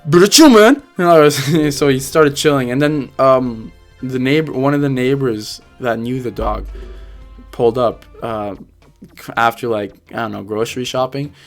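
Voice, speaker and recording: A young man casually telling a personal story to camera, animated and full of slang, often laughing as he goes. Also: medium pitch, moderate pace, soft background music. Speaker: vlogger.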